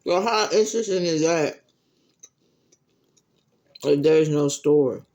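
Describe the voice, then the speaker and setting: A man chatting casually to viewers while he eats, giving earnest advice with pauses between phrases. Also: fairly high pitch, a little mellow. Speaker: mukbang vlogger.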